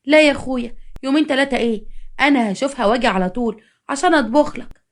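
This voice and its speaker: A woman's voice: fairly high pitch, rapid-fire, natural voice. Ibtisam: woman doing naive Egyptian housewife. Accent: Egyptian Arabic. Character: naive trusting young housewife.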